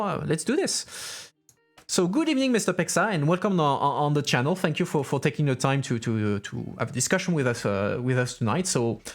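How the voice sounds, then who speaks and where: A man with a medium-pitched voice hosts an informal interview stream. He feels his way through sentences, doubling back on words. Music plays behind him. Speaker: host and interviewer of a political livestream. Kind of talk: informal livestream interview hosting.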